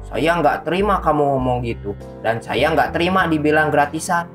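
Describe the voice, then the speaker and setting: Male storyteller playing a furious, nagging lady customer; high shrill voice, indignant. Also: normal speed, fairly bright tone, faint music behind, natural voice. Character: angry insistent young woman customer.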